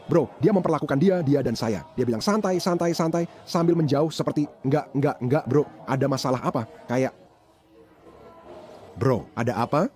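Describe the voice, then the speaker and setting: A man dubbing a bystander who excitedly recounts a fight to police in casual slang. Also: medium pitch, normal speed, close to an everyday voice. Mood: agitated. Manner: agitated, animated retelling with slang. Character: agitated man recounting a brawl. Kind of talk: dubbed bodycam account.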